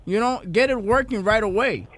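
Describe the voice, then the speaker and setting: High-pitched bilingual male radio co-host. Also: moderate pace, a bit bright. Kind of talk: casual radio talk switching between Spanish and English.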